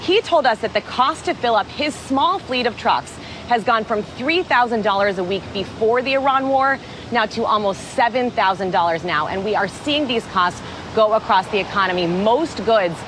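A woman reporting from outdoors at a gas station as a radio field reporter, in a steady, measured voice. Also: fairly high pitch. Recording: clear street ambience. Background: traffic and vehicle noise.

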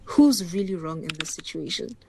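A woman's voice: fairly low pitch, animated, normal speed, vocal fry, a little mellow, a little hiss or hum. A woman in a recorded voice message, chatting in an exasperated way as she asks listeners for advice. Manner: chatty and exasperated, telling a workplace complaint. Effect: played back as a recorded voice message. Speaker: listener sending in a problem. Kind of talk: casual recorded voice note asking for advice.

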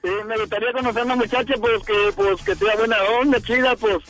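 Guatemalan man, 30s, radio caller, very high voice, quick, shy and hesitant. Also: fairly even intonation, a bit bright, soft background music, poor audio. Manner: shy, hesitant, full of fillers.

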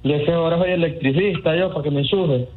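A man answering a prank phone call with deadpan, evasive wisecracks. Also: on the high side, fast talker, soft background music. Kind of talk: phone conversation.

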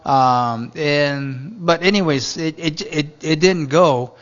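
Rambling, halting middle-aged male chef. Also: fairly high pitch, a bit bright, highs cut off. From Japan. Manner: rambling, halting, many fillers and restarts. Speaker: chef and restaurateur. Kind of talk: radio interview guest.

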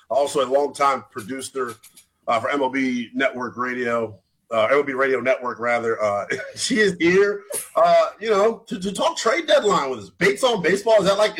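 A man's voice: fairly high pitch, expressive, brisk, a bit bright, slight background noise, poor audio. A man in his twenties hosting a late-night sports radio show, asking long rambling questions that he corrects as he goes. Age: 20s.

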